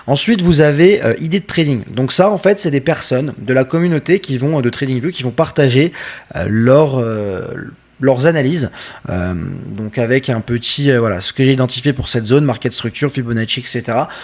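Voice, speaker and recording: A man talks viewers through trading software in a relaxed screen-share tutorial. He speaks at a middle pitch and keeps it casual and direct, with plenty of fillers as he goes. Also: fairly quick. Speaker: trading educator.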